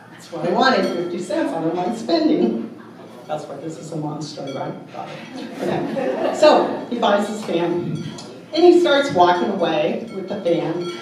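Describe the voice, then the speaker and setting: Woman, family tribute speaker, unhurried storyteller, heard from afar in a very echoey hall. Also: on the low side, darkish tone, slight background noise. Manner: chatty storyteller, joke-telling. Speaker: family member giving a tribute. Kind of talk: anecdotal memorial speech. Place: memorial gathering in a large room. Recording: very echoey hall, mic far off.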